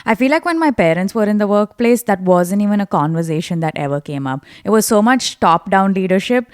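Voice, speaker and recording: A woman's voice: medium pitch, animated, a little fast, no echo, clean studio sound. A woman co-hosting a podcast, thinking aloud in a reflective way and often checking in with "right?". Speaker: podcast co-host. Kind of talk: casual podcast conversation.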